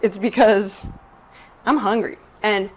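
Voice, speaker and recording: A young woman hosting a live cooking demo in her home kitchen, chatting brightly to viewers, a self-described loud talker. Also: mid-range voice, steady tone, slow pace. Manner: bubbly, chatty, addresses viewers directly. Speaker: cooking video host. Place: home kitchen in a Brooklyn apartment. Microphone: 360 camera rig.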